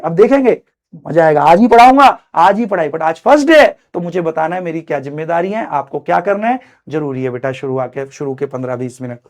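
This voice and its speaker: Middle-aged man, online chemistry teacher; fatherly, lively, alternates loud urging with quiet heartfelt advice. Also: high voice. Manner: animated and fatherly, swings between loud exhortation and quiet earnest advice; mixes English phrases into his speech, calls students son. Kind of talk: live online lecture pep talk.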